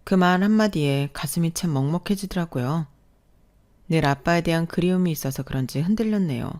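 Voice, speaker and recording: A woman narrating her own story in the first person, in a calm, measured way. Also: on the low side.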